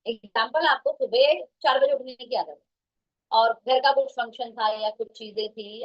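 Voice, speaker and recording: Woman motivational speaker, emphatic and repetitive, fairly high voice, muffled recording. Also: a bit bright. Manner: emphatic, repetitive, mixes English phrases. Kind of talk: motivational talk. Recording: dull lo-fi sound.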